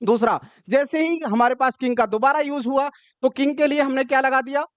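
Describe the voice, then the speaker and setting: A man's voice: extremely high pitch, fairly even intonation, brisk, clean tone, no room sound. A male teacher, explaining grammar step by step and often checking that his students have understood. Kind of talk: classroom grammar lesson.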